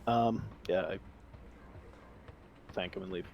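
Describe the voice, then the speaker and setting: A man's voice: deep voice, steady tone, slow, vocal fry, lo-fi sound, slight background noise. A man playing his character in a tabletop game, talking hesitantly and politely. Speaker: player.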